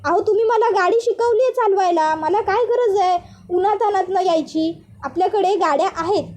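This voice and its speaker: A woman's voice: extremely high pitch, a little fast, darkish tone. A woman voicing a playful, affectionate young wife in a retold serial, speaking in a coaxing, teasing way.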